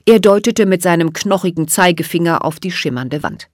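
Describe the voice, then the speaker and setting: A woman reads a children's storybook aloud, with a lively voice that swoops up and down for drama. The recording is close and dry, with no room sound. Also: lowish voice, normal speed, no echo. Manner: expressive, dramatic reading. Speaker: audiobook narrator. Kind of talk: storybook narration.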